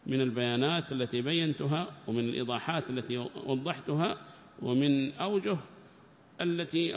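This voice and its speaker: A man explaining a scripture passage in a measured lesson, repeating his points for emphasis. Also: medium pitch, in a large hall, a little hiss or hum. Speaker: teacher of Quran commentary.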